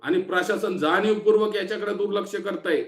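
A man's voice: high-pitched, brisk, reverberant. A man from Maharashtra with a sore throat, giving an angry, taunting political warning speech. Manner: fierce, taunting, threatening. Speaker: activist speaking to camera.

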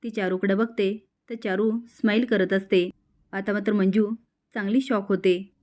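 A woman retelling a TV serial episode in steady storytelling narration. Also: medium pitch, normal speed.

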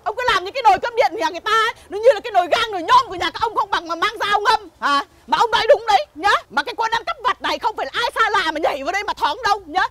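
A woman playing a hot-tempered village mother who curses a thief in shrill, rhythmic rants. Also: rapid-fire, few pauses, over a noisy crowd. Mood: indignant. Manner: shrill, ranting, rhythmic cursing. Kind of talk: comedy sketch acting.

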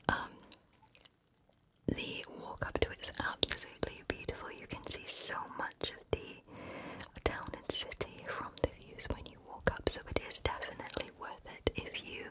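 Woman whispering close-up ASMR. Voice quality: soft unvoiced whisper. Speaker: ASMR creator. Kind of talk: close-up ear-to-ear ASMR whisper, casual travel chat. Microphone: close ASMR microphone.

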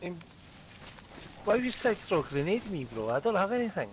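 A man's voice: high voice, big pitch swings, fast, slight background noise, low-quality recording. A man with a heavy Scottish accent chatting casually as an online game player, often repeating his phrases, over game voice chat. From Scotland.

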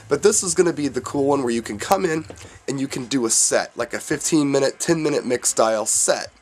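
Guy, dj vlogger, upbeat, reading off event dates from his notes, mid pitched voice. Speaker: DJ and YouTube host announcing events. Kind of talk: casual announcement to viewers.

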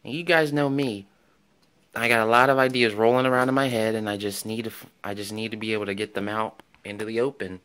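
A man's voice: lowish voice, fairly even intonation, fast, fairly bright tone, clear, resonant tone. A man casually showing off his toy car finds in a vlog, rambling and enthusiastic, with many ums and restarts. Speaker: toy car collector vlogger. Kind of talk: casual show-and-tell vlog.

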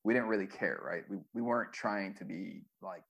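A man with a somewhat low, gravelly voice talks through an interview as a former music manager. He tells his stories loosely and profanely, with plenty of fillers and restarts. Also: brisk, fairly bright tone. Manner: loose, profane storytelling with many fillers and acted quotes. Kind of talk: casual storytelling interview.

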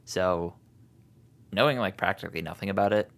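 Laid-back low-voiced man. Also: brisk, creaky, a bit bright. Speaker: podcast co-host. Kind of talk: casual chat.

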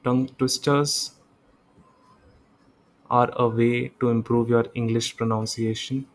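A man delivers a revision lecture at a very slow, deliberate pace. His pitch stays flat and even as he works through his points, and he often stops to correct himself and repeat examples aloud. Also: low-quality recording. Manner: reads English slides slowly, explains quickly in Hindi. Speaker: online tutor.

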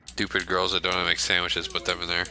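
A man joking and reacting loudly while he and a friend play a video game together. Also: sits low, monotone, fast talker. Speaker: gamer. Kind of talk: casual co-op gameplay commentary.

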